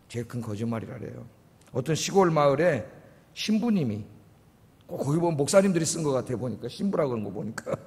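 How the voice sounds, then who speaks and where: A middle-aged male pastor preaching a sermon with a sore throat, prodding the congregation with rhetorical questions. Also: on the high side. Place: church sanctuary. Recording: long church-hall reverb.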